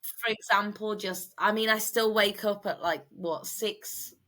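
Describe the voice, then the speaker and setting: A young woman in her twenties talks in a casual podcast chat, her voice bright and forward. She rambles warmly through fillers and restarts, open and a little emotional. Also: mid-range voice, a little slow. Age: 20s. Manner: chatty, emotional, many fillers. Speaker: podcast co-host and guest.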